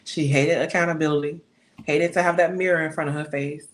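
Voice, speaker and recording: A woman author being interviewed over a video call, talking in an expressive, storytelling way and laughing often. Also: low-pitched, brisk. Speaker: author guest. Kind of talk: casual interview chat.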